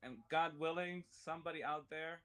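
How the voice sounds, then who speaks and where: A man with a slightly high, steady, fairly bright and smooth voice hosts a relaxed Torah study chat at a moderate pace. He explains things step by step using jokes and everyday examples, reading commentary aloud and translating it.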